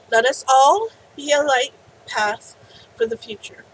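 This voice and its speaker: A woman vlogging, reading out a heartfelt message in an earnest, slow way and sounding teary. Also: sits high, sing-song, slight background noise, rough recording. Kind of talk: personal vlog, reading a written message then chatting.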